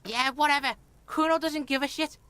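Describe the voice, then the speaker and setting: Voiced by a woman at a moderate pace with no echo, this video game character is a defiant, hostile young street punk with a foul mouth. The tone is high and piercingly bright, full of cocky swagger and sneering, and he speaks about himself in the third person.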